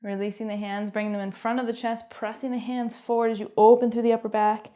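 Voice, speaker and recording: A young woman with a Canadian accent guiding a home workout, giving encouraging cues and calm stretching instructions. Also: on the high side, quick pace. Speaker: fitness instructor.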